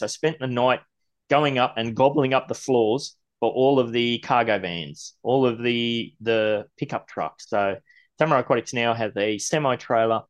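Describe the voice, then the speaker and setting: A man co-hosting a casual podcast and venting in a blunt, sweary rant. His voice sits at a middling pitch for a man, and a slight lisp creeps in now and then as he gets heated. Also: highs cut off. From Australia. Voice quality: occasional lisp when ranting. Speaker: podcast co-host. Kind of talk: casual ranting chat.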